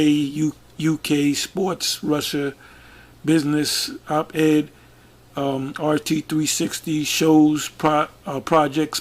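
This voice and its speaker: A man with a somewhat high-pitched voice gives casual commentary while reading a news web page aloud. He speaks haltingly, with frequent fillers, false starts and repeated words. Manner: halting, many fillers and restarts, talks through what is on screen. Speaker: religious video commentator.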